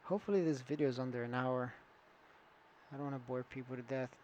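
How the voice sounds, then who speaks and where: A man's voice: mid-range voice, fast, darkish tone, dull audio, slight background noise. A man walking through an online store setup in a casual screen-recorded tutorial, thinking aloud with fillers and restarts. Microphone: computer setup with screen recorder and camera.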